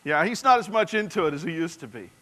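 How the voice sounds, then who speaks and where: Man, 40s, sermon storyteller: earnest, bright and a touch high, addresses the congregation directly. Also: big pitch swings, quick pace. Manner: earnest, drops to a soft hushed voice for tender moments; engages the audience directly.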